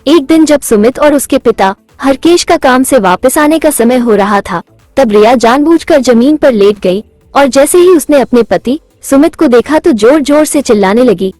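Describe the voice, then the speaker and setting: A woman narrates a cartoon moral story in a steady, measured storytelling voice. Her voice is high and sounds dry and close. Faint music plays underneath. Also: no room sound.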